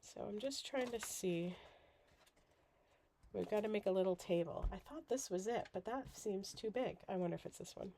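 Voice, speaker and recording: Groggy and sick with a cold, a woman hosts a casual crafting livestream, rambling chattily and poking fun at herself. Her voice is mid-range and mellow at a moderate pace, with a little hiss or hum in the audio.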